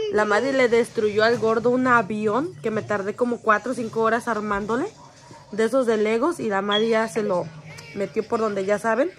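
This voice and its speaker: Chatty mom vlogging at home. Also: female voice, a little high. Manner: chatty, teasing, swears casually. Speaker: vlogger and mother. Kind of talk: casual home vlog chat. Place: home bedroom.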